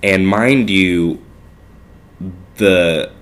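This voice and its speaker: Low-pitched and very slow, a young male podcast co-host chats casually through a blocked nose. He's relaxed and meandering, dropping fillers throughout.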